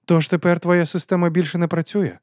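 A man voicing a calm, cold and cunning male city ruler with dry, measured speech. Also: sits high, no room sound, voice pushed up, lightly acted. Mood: cool.

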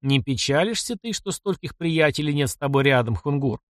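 A man's voice: a little high, animated, fairly quick, dry recording, studio quality, natural voice. A man voicing a wounded captive knight who answers coldly and with contempt. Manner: cold, contemptuous. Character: wounded captive male knight, proud and cold.

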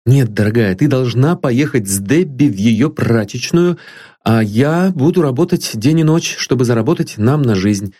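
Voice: medium pitch, lively intonation, moderate pace, warm tone, breathy edge, pitched above the performer's own voice. A reader voicing an earnest, tender young man in an audiobook. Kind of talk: audiobook reading.

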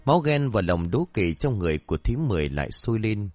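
A man narrating a ghost story with expressive delivery. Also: lowish voice, fast, no echo.

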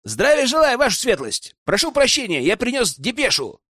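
A man reading an audiobook, voicing a loud, dutiful young male secretary reporting to his superior. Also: high-pitched, huge pitch swings, brisk, dry recording, clean studio sound, voice pushed up, exaggerated voice. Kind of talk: audiobook character voice.

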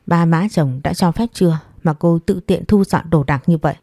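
A woman's voice: on the low side, moderate pace, dark tone, no room sound, clean studio sound. A woman voicing a stingy old mother-in-law who nags and scolds harshly. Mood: scolding. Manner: harsh, nagging, contemptuous.

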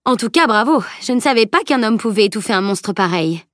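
A woman's voice: a little high, animated, fairly quick, no room sound, clean studio sound, close to an everyday voice. A woman reading the lines of a fierce young female warrior, voice lightly raised, in an audiobook. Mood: warm.

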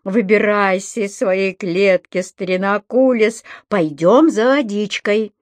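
A woman voicing an excitable, easily startled man who exclaims loudly in amazement. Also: slow, no echo, natural voice. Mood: delighted. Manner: excited exclamations, high and loud. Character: excitable, timid middle-aged man.

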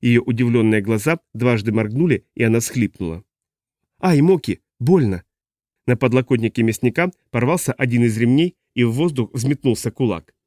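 A man narrating an audiobook at a middle pitch, steady and even. The sound is close and dry, with no room around it. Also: a little fast, hardly any pauses, no echo. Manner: steady, even reading voicing several characters. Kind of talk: scripted narration.

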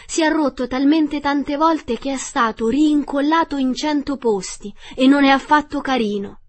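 A woman's voice: high voice, normal speed, pitched above the performer's own voice, natural voice. Woman doing a fragile porcelain princess. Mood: anxious. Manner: frightened, pleading, then prim. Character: timid porcelain princess, young girl, fragile.

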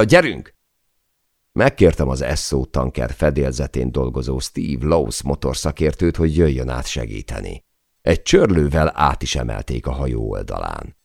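Very deep, gravelly man narrating. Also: no room sound, studio quality. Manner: measured, dramatic storytelling. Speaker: audiobook narrator. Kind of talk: scripted audiobook narration.

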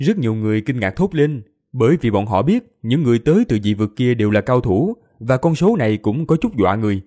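A man narrating a fantasy audiobook in an expressive storytelling manner. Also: mid-range voice, quick pace. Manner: expressive storytelling, voices all characters.

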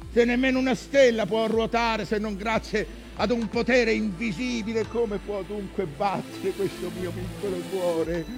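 An older actor playing a weary, obsessed old whaling captain, brooding and defiant, in a declamatory theatrical stage monologue. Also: male voice, high-pitched. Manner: declamatory, anguished, swinging from murmurs to cries.

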